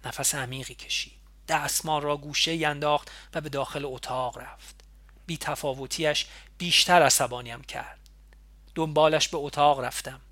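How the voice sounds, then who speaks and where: Guy reading an audiobook, expressive, dry close sound, bright tone. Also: on the high side, dry recording. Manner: expressive, emotional reading of dialogue. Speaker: audiobook reader. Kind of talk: first-person novel narration.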